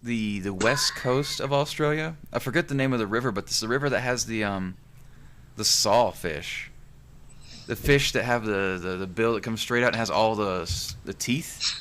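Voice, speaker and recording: A man's voice: on the low side, normal speed, fairly bright tone. A young man hosting a podcast, rambling in casual chat in an easygoing way, asking questions. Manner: rambling, easygoing, many restarts. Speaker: podcast host.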